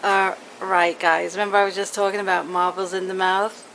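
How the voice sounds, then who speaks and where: Gravelly middle-aged woman, chatty. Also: medium pitch, little pitch movement, fairly quick, fairly bright tone, a little hiss or hum, poor audio. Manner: rambling, anecdotal. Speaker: vlogger. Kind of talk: casual chatty vlog to viewers.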